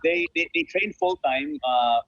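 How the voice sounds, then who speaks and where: Talking at a moderate pace in a slightly high voice, a man who founded a sports association and is an honorary consul gives an emphatic, conversational radio interview, repeating phrases to drive them home. The audio is dry and dull.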